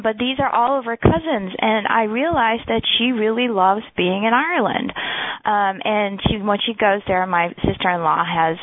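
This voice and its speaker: A woman's voice: medium pitch, dry recording. A woman in her forties from the Netherlands, giving a chatty webinar presentation with frequent ums and restarts. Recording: tinny phone-like line.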